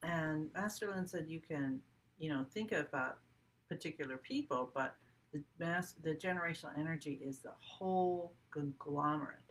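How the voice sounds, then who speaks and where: A woman leading a guided qigong meditation in a soothing, gently encouraging and informal, conversational way. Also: sits low, normal speed, low-quality recording. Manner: informal, self-correcting. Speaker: qigong group meditation leader.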